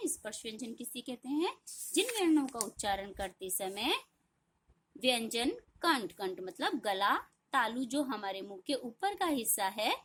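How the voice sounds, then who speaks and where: A woman school teacher giving a Hindi grammar lesson, slowly explaining and repeating terms, then asking questions and answering them herself. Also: on the high side, a little hiss or hum.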